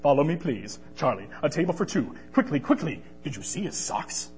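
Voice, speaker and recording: A man's voice: fairly high pitch, sing-song, brisk, darkish tone, faint music behind. A man voicing a snooty, stern restaurant host in a children's story, with a curt, haughty delivery.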